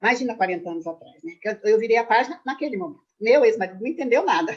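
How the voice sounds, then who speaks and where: A woman in her sixties, a numerologist guest, telling animated stories quickly and emphatically in a casual video-call chat. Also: on the high side, slightly rough, lo-fi sound. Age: 60s.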